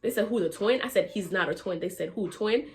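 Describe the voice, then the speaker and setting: A young woman telling a casual storytime, acting out quotes with big jumps in her voice. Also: fairly quick. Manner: animated, acts out quotes with big pitch jumps and laughter. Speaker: vlogger.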